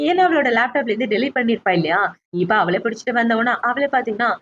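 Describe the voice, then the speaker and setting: A woman narrating a drama recap as a story, briskly retelling each scene and speaking the characters' lines herself. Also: a little high, animated, slightly rough, dull audio.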